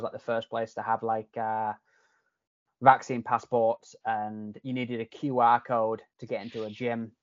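This Englishman, a guest on a podcast, speaks at a medium pitch in a Yorkshire accent that has acquired a Canadian tinge. His casual conversation is loose and chatty, full of restarted sentences and the occasional swear word. The audio is dry and slightly muffled.

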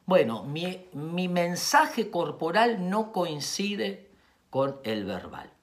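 A woman's voice: on the low side, slow pace. A woman with a Rioplatense Spanish accent, a communication speaker giving a motivational talk and acting out little dialogues as she explains. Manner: animated, acts out quoted dialogue.

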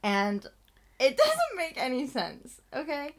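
A young woman co-hosting a podcast in casual chat, talking loudly and rambling, often laughing. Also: high voice, huge pitch swings, slow pace. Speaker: podcast co-host.

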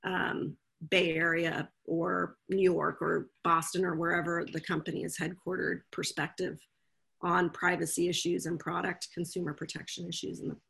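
A woman's voice: on the low side, little pitch movement, moderate pace, creaky, a bit bright, slightly rough. A woman who leads a legal team at a tech company, speaking thoughtfully on a panel over a video call and often restarting her sentences. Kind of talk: panel discussion.

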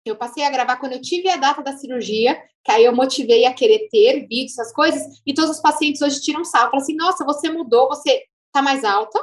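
A speech therapist from a Brazilian Portuguese background speaks in a high voice at a quick pace, pausing little. She's a guest in a casual interview telling her story, chatty, bubbly and laughing now and then.

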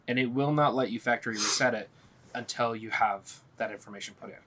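A man's voice: mid-range voice, fast talker, bright, forceful tone, slight background noise. Man, casual chat, rambling, loose anecdotal delivery. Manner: rambling storyteller, restarts often. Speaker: podcast co-host.

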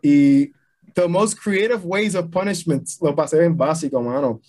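Young man, higher-pitched voice, animated slangy storytelling. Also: a little slow. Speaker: podcast guest, army veteran. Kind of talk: casual chat mixing Spanish and English.

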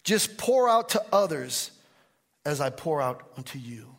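A man voicing a gentle, kindly master. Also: fairly high pitch, sing-song, exaggerated voice. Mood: tender. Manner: gentle, warm, deliberate. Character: gentle, kind master choosing a humble vessel.

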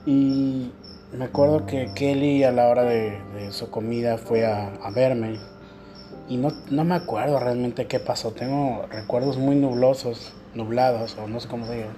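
A man's voice: medium pitch, normal speed. Mexican man telling a personal story. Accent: Mexican Spanish. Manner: candid, emotional storytelling with slang. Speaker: co-host. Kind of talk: casual chat.

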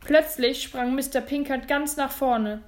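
A woman reading a children's mystery story aloud as narrator, in a lively, clear storytelling manner. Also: sits high, a little slow. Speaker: audiobook narrator.

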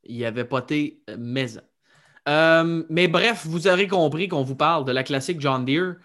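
Casual Québécois man, slightly high voice. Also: normal speed, a bit bright. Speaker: golf podcast co-host. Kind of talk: casual sports chat.

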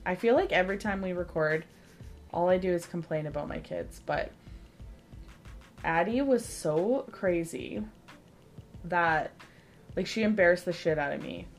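A woman's voice: on the low side, a little slow, pauses often, faint music behind. A woman in her thirties casually telling a rambling story on a podcast, full of "like" fillers. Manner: rambling, lots of "like" fillers, animated retelling. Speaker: podcast co-host.

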